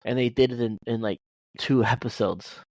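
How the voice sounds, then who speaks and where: A man's voice: medium pitch, moderate pace, a little mellow, no echo, poor audio. A man co-hosting a casual podcast, rambling with many restarts and fillers. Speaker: podcast co-host. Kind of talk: casual chat.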